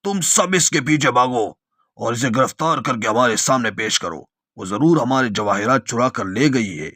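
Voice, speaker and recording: A man voicing a greedy, hot-tempered king who shouts commands in a storybook tale. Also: mid-range voice, animated, dry recording, clean studio sound. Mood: furious. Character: greedy, furious male king barking orders.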